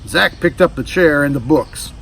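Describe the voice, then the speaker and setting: A man narrates a children's storybook, tossing in casual asides to the young audience. He speaks at a moderate pace in a slightly high, fairly bright voice, recorded from a distance with slight background noise.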